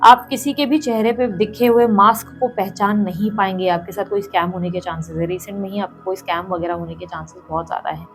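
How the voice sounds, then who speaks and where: A woman's voice: medium pitch, fairly even intonation, brisk, vocal fry, few pauses, soft background music. A woman tarot reader who speaks straight to the viewer, repeats her points for emphasis and calls on the universe between cards. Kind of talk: tarot reading to camera.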